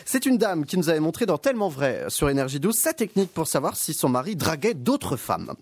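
A man's voice: on the high side, sing-song, a little fast. A man giving a comic TV column on the radio, with a wry, mocking way of talking into a studio microphone.

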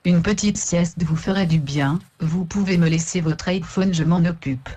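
A woman's voice: lowish voice, steady tone, normal speed, warm tone, breathy edge. A synthetic woman's voice as a virtual assistant, giving replies in a sepulchral tone.

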